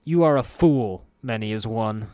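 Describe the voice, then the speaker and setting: A man's voice: on the low side, measured pace, a little mellow, no echo, clean studio sound, natural voice. Man playing a bitter, desperate man, raised and strained. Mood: anguished. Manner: strained, raised, emotional delivery.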